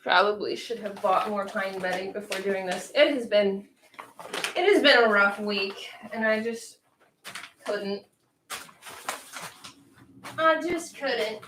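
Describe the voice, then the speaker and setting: A woman's voice: mid-range voice, steady tone, echoey room, far from the mic, noisy background. Chatty woman livestream host from the northeastern US. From northeastern United States. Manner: chatty, talks straight to viewers and chat; says she talks fast. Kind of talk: casual livestream chat.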